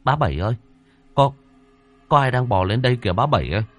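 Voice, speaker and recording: A man voicing a jumpy, quick-tempered older man who talks in a rushed, agitated way. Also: mid-range voice, big pitch swings, soft background music. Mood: frightened.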